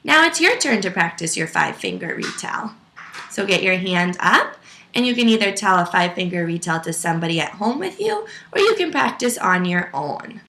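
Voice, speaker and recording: A woman with a lowish voice reads aloud to young children as a first-grade teacher, her pitch swinging dramatically at a normal speed. Her tone is bright and forceful, and she speaks in a clear, instructional, carefully enunciated way, putting questions to her small listeners.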